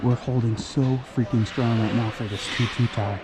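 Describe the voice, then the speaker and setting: A man giving amateur play-by-play of a youth hockey game from the stands, getting worked up and shouting encouragement between chatty, joking asides. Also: mid-range voice, fairly even intonation, normal speed, a crowd in the background. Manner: chatty asides with dry jokes. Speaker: parent play-by-play commentator. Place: stands of an indoor ice rink. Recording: loud rink background noise.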